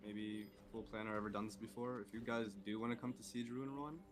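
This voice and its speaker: A man's voice: fairly low pitch, steady tone, a little fast. A man on gaming voice chat, directing and organizing the group. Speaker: guildmate on voice chat.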